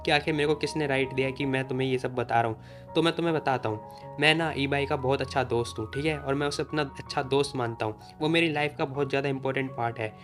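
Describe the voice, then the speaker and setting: A short-fused young man, as a recap narrator reads him. The reading stays close to the man's own mid-range voice, blunt and a little slower. Music hums faintly underneath. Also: medium pitch, natural voice. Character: hot-tempered young man, protective friend.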